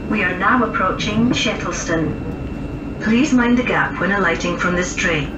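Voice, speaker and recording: On a moving passenger train, a woman's recorded announcements play from a distant speaker, measured, formal and in slow, carefully segmented phrases. Her mid-range voice echoes under loud train and rail noise. The PA capture is muffled, noisy and far off.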